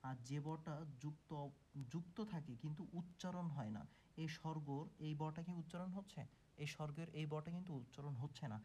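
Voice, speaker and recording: A man's voice: fairly high pitch, moderate pace, warm tone, a little hiss or hum. A man teaching a grammar lesson who asks questions and answers them himself, with frequent "ah" fillers.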